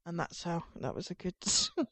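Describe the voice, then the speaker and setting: A woman's voice: on the low side, wildly swooping pitch, moderate pace, fairly bright tone, dry recording. An Englishwoman from Ipswich hosting a casual chat, rambling and teasing in a playful way. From England, Ipswich. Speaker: podcast host.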